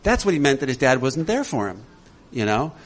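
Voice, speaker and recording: A man leading a recovery workshop for a group, animated and laughing often as he acts out voices. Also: medium pitch, fairly quick. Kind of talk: talk to a group.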